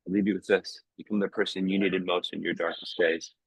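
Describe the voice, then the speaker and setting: A man's voice: sits low, flat delivery, a little fast, breathy edge, no room sound, poor audio. A man coaching a group over a video call, with an emphatic, heartfelt manner. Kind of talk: motivational coaching talk. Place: home, in Vancouver.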